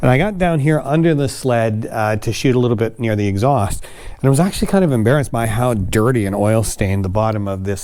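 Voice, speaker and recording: A Canadian man with a medium voice talks through a hands-on how-to in a casual vlog. He is chatty and self-mocking, and his pitch jumps up when he gets excited. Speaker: host.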